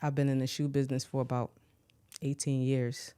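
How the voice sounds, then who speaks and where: An American woman from Philadelphia, a shoe designer, talking as a podcast guest in a relaxed, conversational way. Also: extremely low pitch, fairly quick, clear, resonant tone. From Philadelphia, USA. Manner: relaxed, conversational, often asks "you know what I mean". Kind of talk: casual interview talk.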